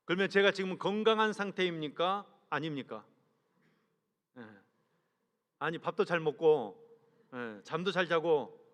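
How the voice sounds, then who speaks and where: The man is a senior pastor giving an earnest sermon, his fairly bright voice measured and fading low at the end of sentences. He addresses rhetorical questions to the congregation, and the large church hall lends a long reverb.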